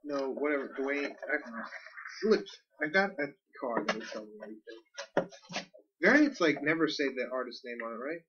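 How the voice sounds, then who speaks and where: A man's voice: medium pitch, lively intonation, normal speed, fairly bright tone, husky. Chatty man, distant lo-fi podcast mic. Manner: chatty, laughs often, rambling. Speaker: podcast co-host. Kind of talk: casual chat, unboxing comics.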